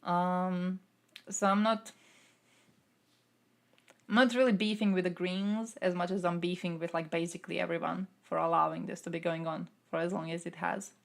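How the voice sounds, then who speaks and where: A woman's voice: fairly low pitch, little pitch movement, normal speed, vocal fry. A young woman from Croatia who streams and answers chat, talking through politics in a casual way, thinking aloud with fillers.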